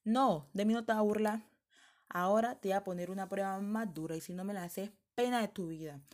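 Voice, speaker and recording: A woman's voice: medium pitch, fairly quick, darkish tone, close to an everyday voice. A woman voicing a cruel, scheming old woman who scolds and threatens, reading a folktale aloud. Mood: threatening.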